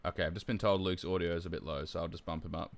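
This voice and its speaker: A young man hosting a live stream as tournament organizer, chatting casually and relaxed, with lots of ums and restarts. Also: sits low, very fast. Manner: relaxed, with frequent fillers and restarts.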